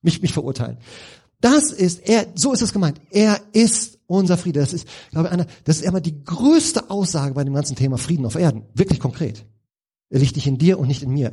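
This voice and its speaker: A man's voice: on the high side, dark tone, slightly rough. A middle-aged man preaching a sermon in a conversational, informal way, with rhetorical questions and frequent restarts.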